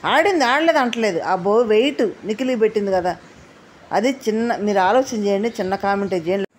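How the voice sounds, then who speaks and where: A woman's voice: medium pitch, animated, brisk, slight background noise. A woman giving casual commentary on a reality show, chatty and often asking viewers to leave comments.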